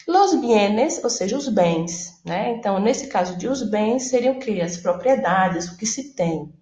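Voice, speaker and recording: A woman's voice: mid-range voice, expressive, unhurried, dark tone, echoey room. A Portuguese-speaking woman teaching a recorded Spanish lesson, explaining each step and checking in with her students as she goes.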